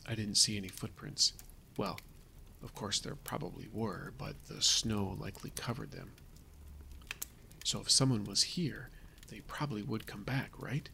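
A man voicing a frightened survivor writing his last journal entries, exhausted and cold, halting and correcting himself, sometimes dropping to a whisper. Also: fairly low pitch, fairly even intonation, vocal fry, sharp tone, a little hiss or hum, full character voice. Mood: frightened, fading. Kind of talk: audio drama reading of a survival journal.

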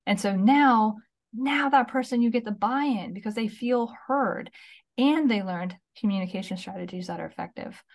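A woman's voice: fairly high pitch, normal speed. A woman in her thirties co-hosting a talk podcast, giving casual advice in a chatty way, often checking in with "okay?" and "right?". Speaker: podcast co-host.

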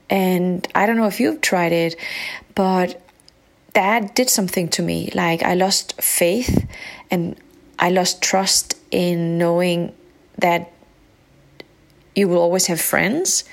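A woman from Morocco raised in Denmark, telling her personal story on a podcast in a halting, reflective way. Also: lowish voice, vocal fry.

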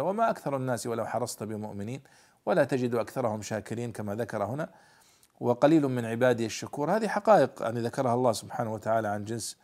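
Male scholar, mid-pitched voice, lively lesson commentary, slows to spell out readings. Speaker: scholar explaining a Quran commentary.

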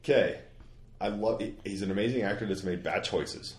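A man's voice: fairly low pitch, moderate pace, darkish tone. A man co-hosting a podcast in casual, joking chat that rambles and trails off mid-sentence. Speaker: podcast co-host. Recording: echoey room with faint noise.

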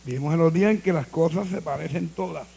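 A man preaching a sermon as pastor, switching between low, quiet passages and shouted calls to the congregation. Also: quick pace, gravelly, a little hiss or hum.

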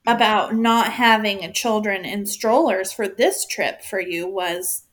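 A woman's voice: medium pitch, measured pace, fairly bright tone. A middle-aged woman in casual chat, reacting with short remarks and recalling her own family trips.

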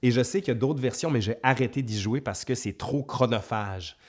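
A man's voice: mid-range voice, brisk. A man with a Quebec French accent hosting a casual question-and-answer session, reading questions aloud and answering off the cuff in a conversational way. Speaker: history video host.

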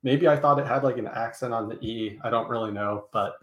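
A man's voice: mid-range voice, fairly quick. A man chatting as a guest on a casual fantasy football podcast, frank and self-deprecating about his takes. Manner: frank, self-deprecating, talks up strong opinions. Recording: echoey room sound.

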